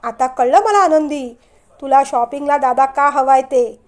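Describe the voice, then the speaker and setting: A woman's voice: sits high, normal speed, darkish tone, close to an everyday voice. Brief: woman doing a mischievous younger brother, mock-hurt and teasing, storybook reading.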